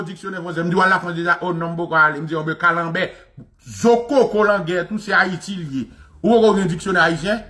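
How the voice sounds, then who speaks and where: A Haitian man hosting a show, ranting in an animated, mocking way, with lots of repetition and frequent laughter. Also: high voice. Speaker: show host. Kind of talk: impassioned commentary rant.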